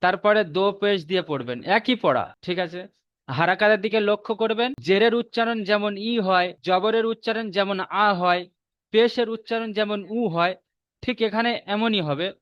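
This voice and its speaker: A man with a Bengali accent teaching Quran reading in a recorded online lesson, repeating rules and slowly drawing out each letter. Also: high-pitched, clean tone, no echo. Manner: slow drawn-out spelling of letters, repeats rules for memorizing. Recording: dull muffled lo-fi audio.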